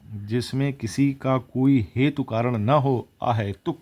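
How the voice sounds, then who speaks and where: A man's voice: mid-range voice, slow pace, mellow. A man teaching exam vocabulary, reciting words and their opposites one after another and correcting himself as he goes.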